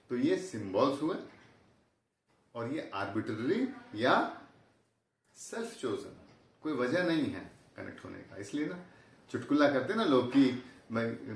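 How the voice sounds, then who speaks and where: A man lectures at a steady pace, laying out numbered points and illustrating each with everyday examples. He mixes English technical terms into his explanations. His voice is heard from a little away from the mic, in a roomy, echoing space. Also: medium pitch, distant mic. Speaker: teacher.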